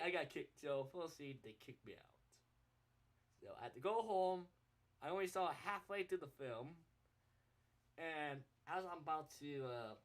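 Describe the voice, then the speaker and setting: Rambling, swearing man telling a story. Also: a little high. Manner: rambling, swearing, laughs between lines. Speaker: podcast co-host. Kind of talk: casual storytelling.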